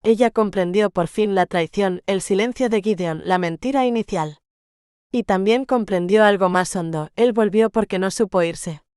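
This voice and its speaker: A woman narrating a romance novel audiobook in a measured, gentle storytelling manner. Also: mid-range voice, smooth, dry recording, clean studio sound.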